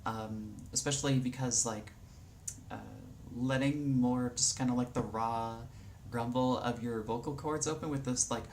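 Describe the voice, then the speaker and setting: A woman with a low voice, a vlogger, gives a casual tutorial on voice and singing at a moderate pace. Her manner is relaxed and rambling, with plenty of fillers as she offers tips. Faint background noise sits under the recording.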